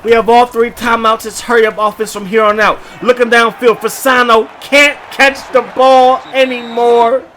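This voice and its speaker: A man giving lively, joking play-by-play commentary over a football video game, often bursting into shouts. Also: very high-pitched, moderate pace, few pauses, slight background noise. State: short of breath at times. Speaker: gaming YouTuber.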